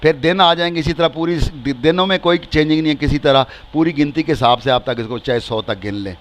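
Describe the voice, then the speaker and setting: A man with a Pakistani accent teaching a language lesson, slowly repeating each word and then giving its translation. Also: fairly high pitch, slight background noise. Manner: slow and repetitive, stretching each word and repeating phrases with translations.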